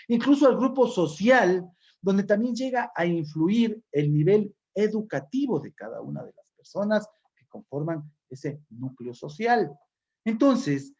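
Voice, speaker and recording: A man's voice: sits high, darkish tone, husky. A man giving a classroom lecture, explaining step by step and often checking in with his listeners. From Ecuador. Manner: explanatory, frequent checking questions. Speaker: teacher. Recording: dull lo-fi recording.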